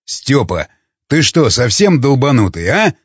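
Man doing a stern, low-voiced searcher. Husky and blunt. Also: big pitch swings, measured pace, dry recording, lo-fi sound. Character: gruff steady adult male searcher.

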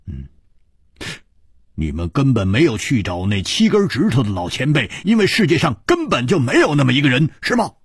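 A man voicing a boisterous hard-drinking swordsman in a storytelling performance, stammering and excitable. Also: medium pitch, normal speed, husky, no echo, clean studio sound, pitched above the performer's own voice, heavily acted. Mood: excited.

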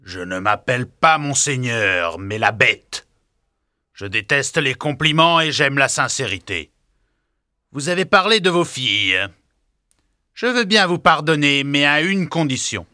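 A man voicing a fearsome male beast who speaks sternly and commands loudly in an audiobook story. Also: mid-range voice, big pitch swings, measured pace, no room sound, clean studio sound, heavily acted. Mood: menacing. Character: fearsome male beast, castle lord, harsh. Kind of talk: audiobook drama.

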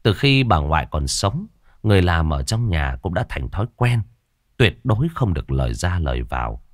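Man, ghost story narration, dramatic, emotive, low voice, dry sound, faint music. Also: very animated, normal speed, no room sound.

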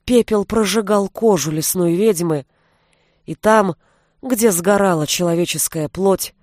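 A woman narrates a fantasy story in a measured, expressive reading. Her voice sits at a middle pitch. The recording is dry and close, with no room sound. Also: no echo. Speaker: audiobook narrator. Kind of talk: scripted narration.

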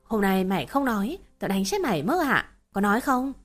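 A woman's voice: medium pitch, sing-song, brisk, soft background music. Distraught middle-aged mother, wailing and desperate, voiced by a woman narrator. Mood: furious. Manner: pleading and wailing.

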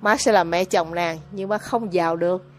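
A woman voicing an anxious, earnest young village man who speaks quietly with a shaky voice in a storybook reading. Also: on the low side, normal speed, soft background music, pitched below the performer's own voice, close to an everyday voice.

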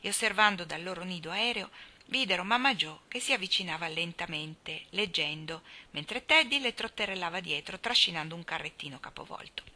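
A woman reading a classic children's novel aloud in a measured storytelling manner. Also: on the low side, sharp tone. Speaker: audiobook reader.

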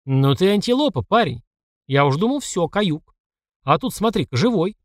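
A mocking young street thug talks with easy menace in a slightly high voice, a man putting him on for an audiobook. The sound is dry and close, with no room at all. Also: very animated, moderate pace, no room sound. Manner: mocking, casual street talk.

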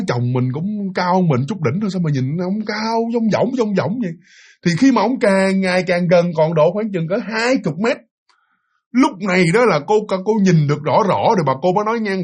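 Husky high-voiced Southern Vietnamese storyteller. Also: male voice. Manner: chatty, repetitive, asides to the listener. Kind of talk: casual spoken ghost story.

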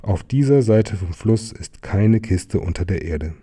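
A man's voice: lowish voice, animated, a little slow, dark tone, slightly rough. A man doing a cheerful blind mole. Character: happy blind old male mole.

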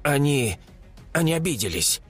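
A nervous young woman with psychic powers, voiced by a male narrator, blurts out hurried reports. The voice stays husky and lively in pitch. She sounds anxious and rushed. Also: soft background music, full character voice. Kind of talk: audiobook character voice.

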